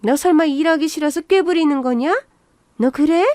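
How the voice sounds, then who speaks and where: This woman pitches her natural voice above its usual level, giving it a high, darkish tone at a moderate pace. She performs a scornful, nagging mother-in-law, older and bossy, scolding in a radio story reading. The recording is dry and studio quality.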